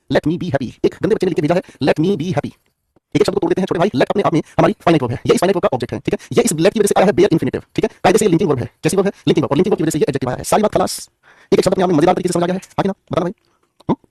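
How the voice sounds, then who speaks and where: Rapid, husky-voiced joking grammar teacher. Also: male voice, high voice, darkish tone, no room sound, clean studio sound. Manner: playful and joking, teases students by name; repeats questions and answers them himself. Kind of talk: online English grammar lesson.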